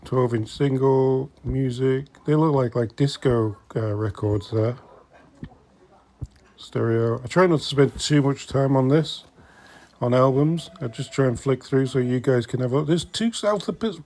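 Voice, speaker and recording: In an unhurried, medium-pitched voice with a darkish tone, a middle-aged man hosts his vintage collecting vlog from inside a secondhand shop. He keeps up casual, chatty commentary for viewers as he browses, sometimes talking quietly to himself.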